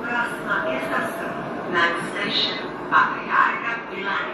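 Anúncio de estação de metrô, voz feminina ecoando. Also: female voice. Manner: calm, measured, bilingual announcements. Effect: train station announcement over loudspeaker. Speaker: metro announcer. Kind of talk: recorded station announcements. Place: inside a metro train. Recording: echoey distant loudspeaker, loud train noise. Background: train rumble.

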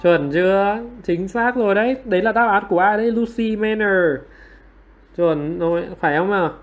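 A man teaching online English over a livestream quiz, prodding students for their answers and laughing off his own mistakes with quick apologies. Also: high-pitched, over music.

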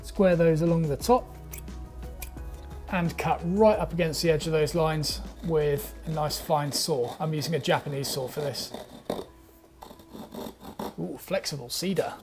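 A man's voice: fairly high pitch, unhurried, long pauses, over music. A young man, teaching woodworking in a workshop, chatty and upbeat as he explains each step. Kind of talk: instructional talk.

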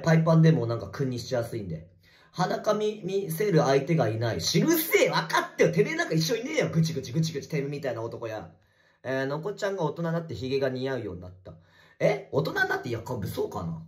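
Man, livestreamer, casual chat, rough teasing manner, lively swinging pitch, echoey bathroom. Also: quick pace. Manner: rough, teasing, swears mockingly at commenters. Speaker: livestreamer reading viewer comments.

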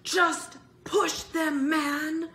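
A woman's voice: fairly high pitch, lively intonation, a little slow, a bit bright, echoey room, recorded from a distance, voice pushed up. A woman reading aloud, voicing an eager, breathless young boy who urges his friends on. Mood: urging. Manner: urging, breathless.

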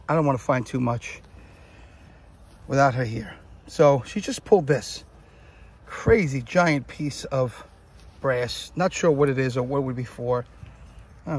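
A man narrating his metal detecting finds outdoors in a casual way, often exclaiming with excitement. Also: mid-range voice, moderate pace, pauses often, husky. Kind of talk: casual narration while digging. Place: outdoors in a large field.

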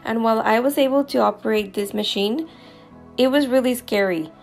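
A woman's voice: a little high, moderate pace, creaky, a little mellow, soft background music. Upbeat, encouraging woman vlogger. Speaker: home renovation vlogger. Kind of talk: friendly voice-over narration. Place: home living room, indoors. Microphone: lapel mic.

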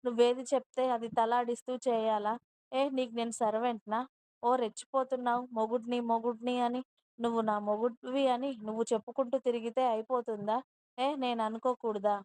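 A defiant, spoiled young wife from a storybook, as a woman narrator puts her on. She answers back with haughty scorn in a higher voice that stays flat and even in its tune. The sound is smooth and clear, close and dry. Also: brisk, no echo, natural voice. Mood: scornful.

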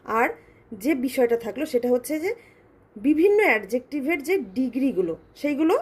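A woman teaching English grammar in a patient lesson, asking her students questions and reading example sentences slowly. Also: sits high, very animated, a little mellow, husky.

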